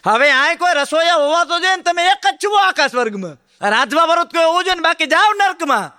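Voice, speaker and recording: Man playing brusque heavenly attendant, blunt, lecturing, high, bright. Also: animated, brisk, long reverb tail, full character voice. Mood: scolding.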